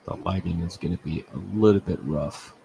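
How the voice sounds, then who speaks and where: A man selling coins on a live sale stream, talking haltingly with many fillers. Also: low voice, vocal fry, mellow, a little hiss or hum, poor audio. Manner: halting, many ums and uhs.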